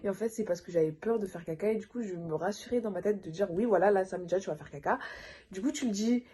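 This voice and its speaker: A young adult woman telling a personal story in a casual storytime vlog, animated and full of filler words. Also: mid-range voice, quick pace, slightly rough. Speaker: vlogger.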